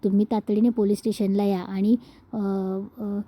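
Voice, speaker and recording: A woman's voice: mid-range voice, level tone, measured pace, warm tone, natural voice. A woman voicing a stern, irritable male police inspector who gives curt orders.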